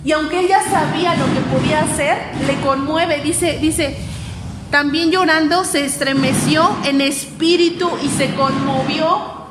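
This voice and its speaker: A woman's voice: high voice, steady tone, unhurried, heavy background noise. A woman preaching to young people in an earnest, conversational way, full of fillers. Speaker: youth preacher. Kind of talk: youth sermon. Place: church hall. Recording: echoey hall with faint ambience.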